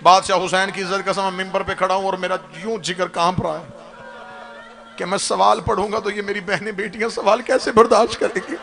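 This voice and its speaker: A man from Pakistan, a religious orator, delivering a mourning sermon at a live gathering in a tearful, lamenting voice that swells to loud cries. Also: sits high, flat delivery, fairly quick, vocal fry.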